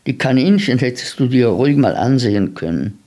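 A man voicing a kindly, curious older man in a storybook reading, gentle and coaxing with many questions. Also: medium pitch, expressive, a little fast, lightly acted.

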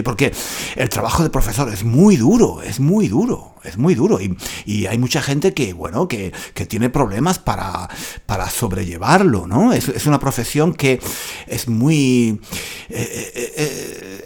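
A man hosting a podcast for learners, talking casually at home in a playful, self-mocking way and repeating his phrases. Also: mid-range voice. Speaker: Spanish-learning podcast host.

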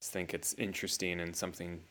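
A man guesting on a casual podcast, talking in a relaxed, easygoing way. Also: deep voice, fast talker.

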